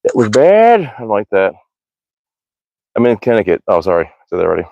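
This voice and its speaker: Rambling in slangy, informal fashion, this American livestream host, a hobby archer, chats from his backyard archery range outdoors. His voice is lowish and creaky, with wildly swooping pitch and a slightly fast pace. The recording is dry and lo-fi.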